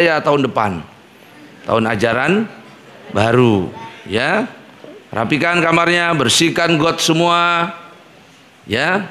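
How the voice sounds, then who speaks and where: A middle-aged man heading a boarding school, giving firm, repetitive advice to his students and often pausing on a short "ya". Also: medium pitch, fairly bright tone. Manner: firm, repetitive admonishing with frequent "ya". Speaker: head of an Islamic boarding school.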